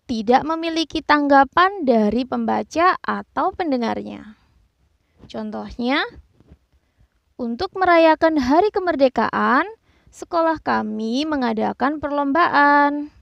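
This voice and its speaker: Slow, high-voiced woman teaching grammar. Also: expressive, creaky, fairly bright tone, dry recording, muffled recording. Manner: slow, careful explaining with read-out examples. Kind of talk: scripted educational narration.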